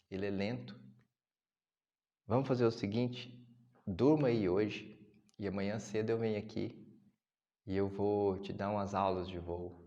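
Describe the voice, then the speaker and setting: A man's voice: fairly low pitch, muffled recording. A man voicing a patient, encouraging teacher bird. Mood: soothing. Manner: calm, coaxing, reassuring.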